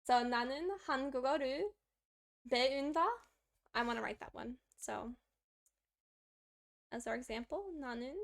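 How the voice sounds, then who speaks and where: A woman's voice: sits high, quick pace, vocal fry, long pauses. A woman on a live study stream, reading lesson text aloud and chatting to herself as she writes out examples in an upbeat way. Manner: upbeat, talks to herself while working through examples. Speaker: livestreaming language learner.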